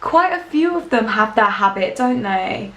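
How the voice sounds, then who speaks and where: A bubbly woman vlogger gushes through a casual reaction chat, her lively voice leaping up and down and sitting a little high. She laughs often. The sound is roomy and echoey, with music playing behind her. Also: moderate pace, a loud crowd.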